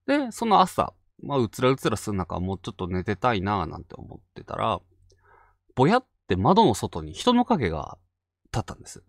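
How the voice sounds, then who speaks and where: A man from Fukushima leads a ghost story session and narrates the tale himself. His pitch rises and falls dramatically as he builds the suspense, and he often sinks to a hushed voice at the tense moments. The sound is dry and close, with almost no room echo. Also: huge pitch swings, fairly quick. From Fukushima Prefecture, Japan. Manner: dramatic storytelling, drops to hushed tones for tension. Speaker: ghost story teller and host.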